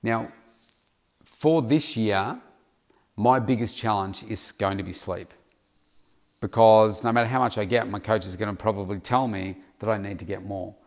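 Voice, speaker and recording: Hosting his own podcast, a middle-aged man rambles through a casual solo monologue packed with fillers and restarts while he has the hiccups. His voice sits on the low side and moves at a moderate pace.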